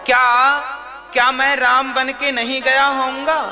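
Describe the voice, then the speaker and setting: A man's voice: very high voice, completely flat delivery, unhurried. A preacher voicing the proud demon king Ravana. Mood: lamenting. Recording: devotional music playing underneath.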